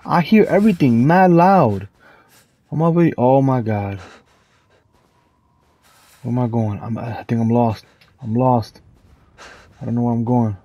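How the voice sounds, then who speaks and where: A man's voice: mid-range voice, measured pace, long pauses, dry recording, highs cut off. A young man giving casual, slangy commentary while playing a horror game, jumpy and easily spooked. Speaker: gaming streamer. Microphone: headphones with mic.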